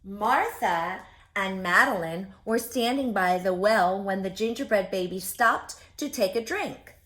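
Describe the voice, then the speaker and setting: A woman reading a picture book aloud for preschoolers, expressive and speaking directly to her young listeners. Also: medium pitch, a little slow, poor audio. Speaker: children's story reader.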